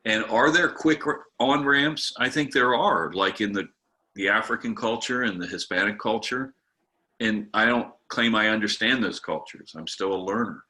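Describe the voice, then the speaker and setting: A man with a low-ish but bright, forceful voice leads a workshop over a video call. He talks like a pastor swapping stories, candid and a little snarky, easing from anecdote into teaching. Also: moderate pace. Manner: candid storyteller, a bit snarky. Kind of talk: conversational workshop talk with stories.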